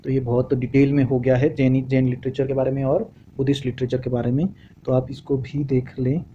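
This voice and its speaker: A male teacher lecturing from notes, halting and often restarting words, mixing Hindi and English. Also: mid-range voice, flat delivery, dull audio, a little hiss or hum. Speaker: exam coaching teacher.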